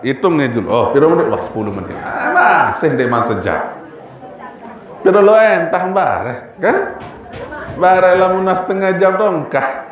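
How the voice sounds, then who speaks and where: A man's voice: fairly high pitch, very animated, normal speed. A man with a Sasak Lombok accent preaching a weekly sermon, chatty and joking, firing rhetorical questions at the congregation. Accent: Sasak-accented Indonesian from Lombok. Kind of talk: weekly religious study sermon. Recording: echoey hall, distant dull mic.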